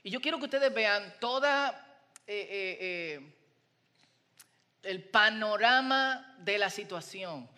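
A man's voice: sits high, expressive, takes it slowly, long pauses, sharp tone, big-room sound. A man preaching a sermon in a conversational way, asking the congregation questions.

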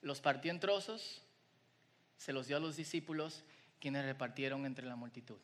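A man's voice: medium pitch, normal speed, a bit bright, big-room sound. A man preaching a sermon in a conversational way, asking the congregation questions.

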